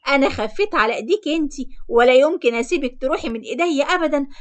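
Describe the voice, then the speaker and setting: A woman's voice: sits high, expressive, rapid-fire. A woman with an Egyptian accent voicing an insistent, smitten married man in a cartoon story. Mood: pleading. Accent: Egyptian Arabic. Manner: pleading, persuasive. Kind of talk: storybook narration acting.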